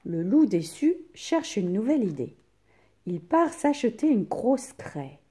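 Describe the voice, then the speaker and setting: A woman reading a children's fairy tale aloud in an unhurried, expressive way. Her voice is warm and mellow, sitting a little high. The pitch rises and falls lively through each sentence. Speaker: storyteller.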